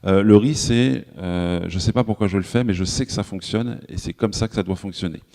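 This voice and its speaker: A man with a French accent speaking at a conference, chatty and full of fillers and quick self-corrections. His voice sits fairly low, and it rings out with the long reverb of a large hall. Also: a little mellow. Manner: conversational, many fillers and self-corrections, addresses the audience directly. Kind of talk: live conference talk.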